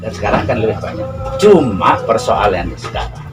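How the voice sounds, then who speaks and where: A man explaining a local custom in casual storytelling, acting out quarrelling relatives in lively voices. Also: lowish voice, normal speed, distant mic, over music, poor audio.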